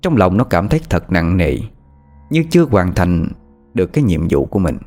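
A man narrating an audiobook story in a scripted, expressive storytelling delivery. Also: low voice, normal speed, faint music behind. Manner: expressive, rising and falling delivery.

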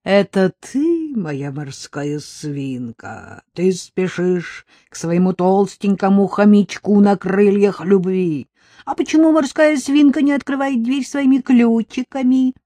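The audiobook reader voicing a flustered middle-aged balding man who protests in a high, indignant voice. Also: very animated, measured pace, no echo. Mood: cooing.

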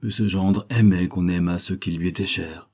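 Low, dark-voiced male narrator. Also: fairly even intonation, moderate pace. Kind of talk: audiobook reading.

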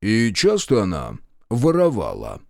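A man voicing a cunning detective in a read-aloud story. He questions slowly and slyly, his voice a little below the reader's own. The sound is dry and close. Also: fairly low pitch, huge pitch swings, dry recording, full character voice. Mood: menacing. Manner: probing, slow, sly. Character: cunning, intimidating male detective.

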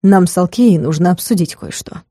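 A woman voicing a stern, weary male academy rector in an audiobook, speaking slowly and coldly. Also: lowish voice, warm tone, no echo, studio quality, natural voice. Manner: slow, measured, icy. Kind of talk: audiobook character voice.

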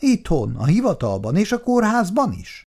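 A woman's voice: wildly swooping pitch, a little mellow, husky, exaggerated voice. A reader voicing an irritable young wife and mother who complains shrilly and reproachfully in a dramatized reading of a 1960s family story. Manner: shrill, reproachful, hysterical outbursts.

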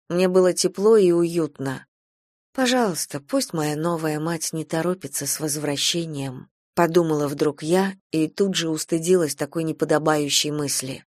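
A woman with a fairly low voice reads a first-person story in a calm, measured way. The sound is close and dry, with no room behind it. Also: dry recording. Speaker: audiobook narrator. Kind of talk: scripted first-person narration.

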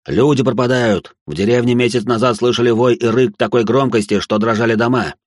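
A man's voice: mid-range voice, fairly even intonation, brisk, no echo, clean studio sound, natural voice. A man voicing a hostile armed village poacher who barks threats. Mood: suspicious. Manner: barking and threatening.

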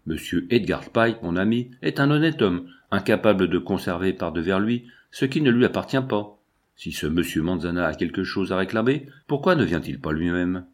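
Dude reading aloud doing a scared young lady, begging and shrill, voice pushed up higher than his low one. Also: animated, normal speed. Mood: pleading. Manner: shrill, pleading and agitated. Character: frightened young woman, pleading mistress. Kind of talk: audiobook reading.

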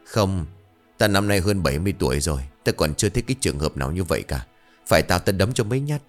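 A man voicing a gruff village master past seventy who talks in a blunt, scolding way, with faint music behind. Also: low voice, lively intonation, quick pace.

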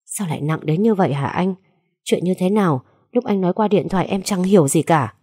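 Woman reading as a worked-up young wife, pushy questions, dark tone. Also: fairly low pitch, fairly quick, husky, no room sound, clean studio sound. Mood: anxious. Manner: urgent, agitated. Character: young wife, anxious and indignant.

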